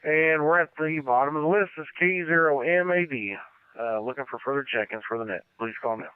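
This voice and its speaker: A man's voice: on the high side, fairly quick, clear, resonant tone, no echo, phone-quality sound. An American man running a casual amateur radio net as controller, heard over a two-way radio transmission. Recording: band-limited, dry amateur radio audio.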